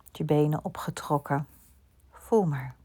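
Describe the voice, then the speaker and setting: Slow, soft-spoken woman guiding sleep. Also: low-pitched, husky. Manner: slow, soft, soothing, often whispered. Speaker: sleep meditation guide. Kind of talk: guided sleep relaxation.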